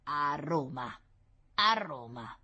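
A woman voicing a mysterious, fretful little old man in a storybook reading, slow and murmuring. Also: deep voice, expressive, pushed and bright, slightly rough, highs cut off, heavily acted. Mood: wry. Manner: slow, murmuring, self-pitying.

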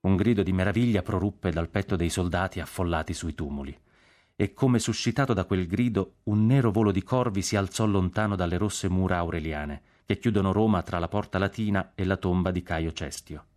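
A man narrating a literary audiobook in a measured, expressive reading. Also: sits low.

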